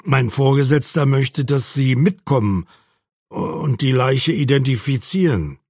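A man's voice: medium pitch, measured pace, darkish tone, husky, no echo, clean studio sound. A man voicing a male police officer who hesitantly and formally delivers grim news, read in an audiobook. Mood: somber.

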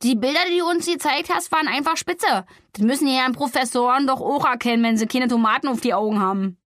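A woman's voice: high voice, a little fast, dry recording, clean studio sound, pitched above the performer's own voice. A woman doing an eager, indignant young roommate. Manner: bright, emphatic, excited.

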